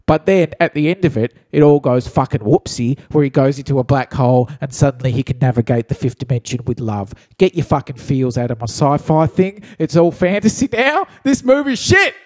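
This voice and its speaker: A man's voice: medium pitch, expressive, brisk, hardly any pauses, darkish tone, no echo, natural voice. A man doing a whiny nerd critic. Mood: ranting.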